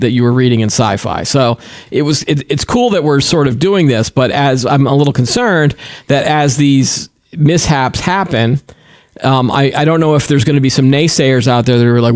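A middle-aged man co-hosting a tech podcast in a loose, rambling way. He keeps circling back and restarting his sentences. His voice sits at an ordinary pitch, recorded close and dry. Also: no room sound. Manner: rambling, self-correcting, chatty. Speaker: podcast co-host. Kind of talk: casual tech chat.

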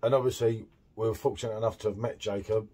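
Excitable guy reviewing beer at his home bar, low and kinda husky. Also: fast talker. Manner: chatty, excitable, lots of tag questions. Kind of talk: casual beer tasting chat.

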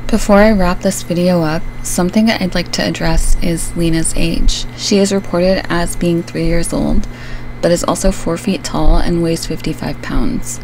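A woman host narrates a scripted true crime story in a steady, low, fairly monotone voice. Her delivery is measured and earnest, and she explains things point by point. A clear layer of background noise sits under the recording. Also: rough recording. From Syria.

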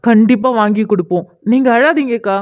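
A woman's voice: fairly high pitch, a little fast, natural voice. A woman voicing an angry, protective schoolboy who scolds a man, in a cartoon. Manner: scolding, confrontational. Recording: tinny phone-like audio.

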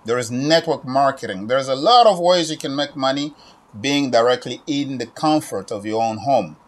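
A man in his forties from the Democratic Republic of Congo, standing in his own shop and pitching an online training straight to the camera, repeating himself and tagging lines with "okay?". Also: expressive, moderate pace. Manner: repetitive, urging, with frequent "okay?" tag questions. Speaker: business owner promoting online training. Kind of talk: direct-to-camera sales pitch. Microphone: camera at medium distance, standing.

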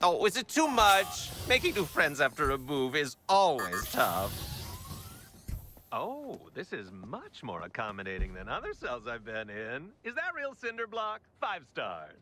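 A man's voice: on the high side, huge pitch swings, a little slow, noisy background. An actor voicing a manic, theatrical young male supervillain clown in a video game, gleeful, mocking and melodramatic. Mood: mock sincere. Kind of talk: video game cutscene acting.

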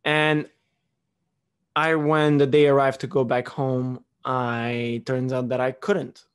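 A young Romanian man hosts a podcast from his living room, chatting casually into a close studio mic on a boom arm. His medium-pitched voice is smooth, flat and slow, and he rambles with restarts and fillers.

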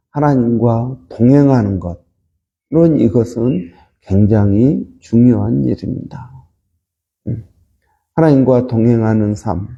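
Slow, dark-voiced pastor in a church hall. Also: male voice, mid-range voice, husky. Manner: slow, halting, many fillers. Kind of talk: early-morning prayer sermon.

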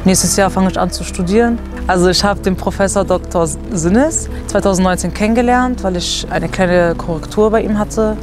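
A woman in her twenties from Germany, telling her own story in a candid, casual documentary interview, recorded outdoors in a garden with a lapel mic. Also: fairly low pitch. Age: 20s. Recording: music bed behind the voice.

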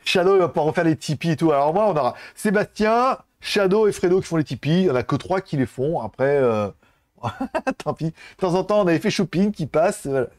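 A man's voice: fairly high pitch, lively intonation, fairly quick, dry recording, studio quality. A man hosting a tech livestream, talking casually and rambling with lots of fillers and restarts. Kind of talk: casual live chat with viewers.

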